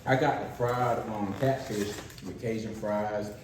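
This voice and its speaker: A man's voice: lowish voice, steady tone, unhurried. A young man chatting casually with his wife while eating, laid-back and slangy. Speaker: vlog co-host. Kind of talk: casual chat over a meal. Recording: very echoey room, faint noise.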